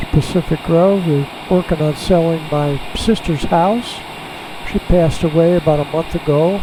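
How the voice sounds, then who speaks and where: A man flying a small jet who talks through each step in a relaxed, halting way, heard over a pilot headset in the cockpit. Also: fairly high pitch. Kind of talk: casual narration while flying. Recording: steady cockpit and engine noise.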